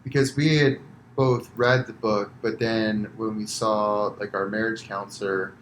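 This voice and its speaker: A man speaking as a podcast guest, explaining in a calm, measured way with some fillers. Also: on the low side, a little hiss or hum. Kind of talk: casual conversation.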